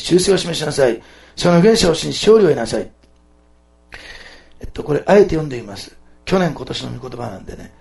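A man preaching a sermon, switching between loud exclamations and soft, quiet asides. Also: on the high side, gravelly. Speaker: pastor. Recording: echoey room.

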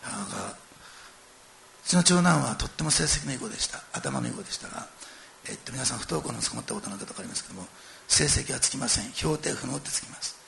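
A middle-aged male pastor delivering a sermon with a heavily gravelly, forceful voice. He talks fast with a lively, swinging pitch, acting out the story and turning to his listeners with direct questions. A faint hiss sits under the voice. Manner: animated storytelling, acting out quoted lines and addressing listeners directly.

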